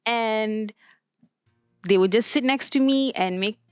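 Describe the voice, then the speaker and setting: A young woman from Malaysia, speaking casually as a panel guest and often filling pauses with "like". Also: fairly high pitch, smooth, no echo, studio quality, soft background music. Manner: chatty, frequent filler "like", restarts.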